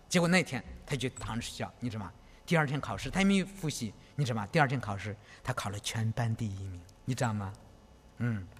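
A middle-aged man preaching a sermon as pastor, animated and repeating himself, often asking his listeners if they know. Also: medium pitch, slightly rough, long reverb tail. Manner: animated, repeats phrases, asks "you know?".

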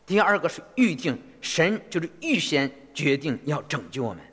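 A man interpreting a sermon phrase by phrase in an animated way. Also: on the high side, normal speed, slightly rough. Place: church hall. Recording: long reverb of a church hall.

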